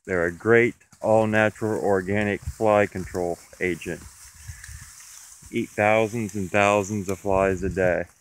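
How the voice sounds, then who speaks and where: A man's voice: on the low side, steady tone, a little slow. A farmer giving a plain, matter-of-fact walking tour of his pasture, talking to a camera he holds outdoors. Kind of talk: walking field tour, explaining. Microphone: camera held while walking.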